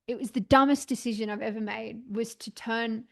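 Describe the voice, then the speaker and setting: A woman's voice: on the high side, steady tone, fairly quick, vocal fry. Hesitant young woman, searching for words. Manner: hesitant, searching for words, many fillers and restarts. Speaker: podcast host and client. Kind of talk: candid therapy session talk.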